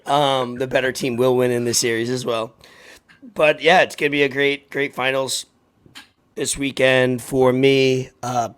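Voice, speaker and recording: A man in his thirties with a raspy, hoarse voice, hosting a sports podcast in a halting, informal chat. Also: mid-range voice, flat delivery, fairly bright tone. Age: 30s. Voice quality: raspy, worn voice. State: hoarse from partying.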